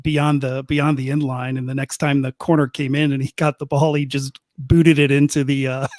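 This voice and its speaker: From the stadium press box, a podcast co-host chats casually on a soccer talk show, restarting sentences often and laughing lightly. His voice is medium-pitched, a little mellow and flat, at a moderate pace, with clean studio sound and no echo.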